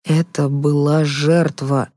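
A woman reads a self-justifying, guilt-ridden male psychologist; low, slow, mumbling. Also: level tone, warm tone, no echo, clean studio sound. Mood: stubborn. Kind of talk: audiobook character reading.

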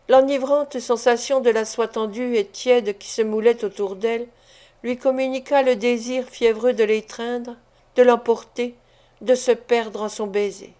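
Mellow woman reading a classic tale. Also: on the high side. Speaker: audiobook narrator. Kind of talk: scripted literary narration.

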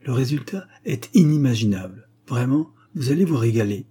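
A man's voice: medium pitch, lively intonation, normal speed, dark tone, husky. A man doing a drawling, sly hunchbacked schemer. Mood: confiding. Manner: drawling, falsely friendly.

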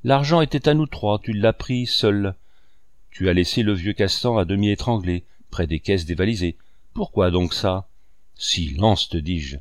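A man's voice: deep voice, measured pace, no room sound, studio quality. A man voicing a greedy, mocking male accomplice who blackmails in a sneering, taunting way.

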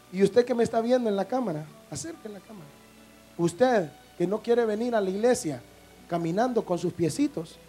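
Dramatic storytelling preacher over faint music. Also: mid-range voice. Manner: storytelling, addresses listeners as brother, swings from hushed to loud. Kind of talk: fiery evangelical sermon.

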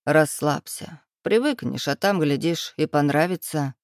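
A woman's voice: deep voice, unhurried, a little mellow, dry recording, clean studio sound. A woman voicing a mocking young male thug who teases with a smug, drawling manner.

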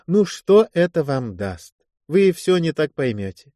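This is a self-assured woman medic of about thirty, gently mocking and calm, as a male reader puts her on. Her voice sits a little higher than the narration. The sound is dry and close. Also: a little slow, no echo. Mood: teasing. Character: teasing woman army medic around thirty.

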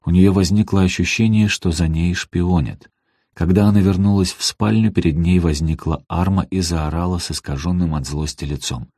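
A man narrating an audiobook in a steady, even reading voice. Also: sits low, moderate pace, no room sound, studio quality. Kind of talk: scripted narration.

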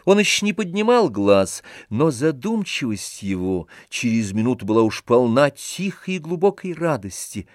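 A man narrating a classic novel in a measured, calm storytelling manner. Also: mid-range voice, no echo, studio quality. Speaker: audiobook narrator. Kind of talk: scripted literary narration.

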